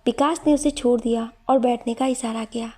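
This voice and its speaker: A woman narrating an emotional romantic story in a steady, emotive storytelling manner. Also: fairly high pitch, moderate pace.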